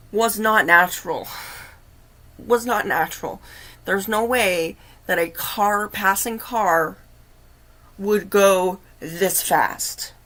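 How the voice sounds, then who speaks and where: A woman hosting a livestream, telling a personal story in an earnest, halting, confiding way. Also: fairly low pitch, fairly bright tone. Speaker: livestream host. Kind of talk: casual storytelling.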